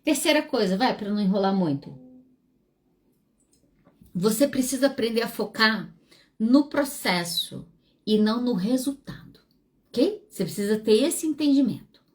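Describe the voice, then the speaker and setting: A woman, hosting a solo podcast as a psychologist, speaking frankly and animatedly with wide swings in pitch. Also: expressive, moderate pace, pauses often. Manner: frank and self-deprecating.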